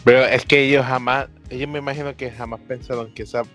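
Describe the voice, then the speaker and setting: A man's voice: medium pitch, fairly even intonation, quick pace, a bit bright, soft background music. A man chatting casually about video games in slangy Spanish sprinkled with English words. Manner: slangy, teasing.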